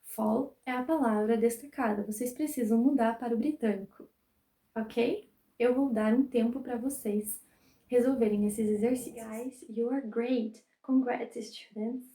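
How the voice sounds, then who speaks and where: Woman from Brazil, English teacher, patient didactic delivery, slightly high mellow voice, roomy echo. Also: steady tone, normal speed. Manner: clear, didactic, ends phrases with "tá?". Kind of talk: recorded classroom lesson.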